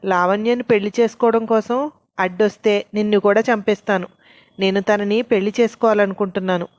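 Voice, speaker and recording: A woman's voice: medium pitch, fairly even intonation, brisk, no echo, close to an everyday voice. A woman voicing a violent, possessive young man who speaks in blunt threats. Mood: menacing.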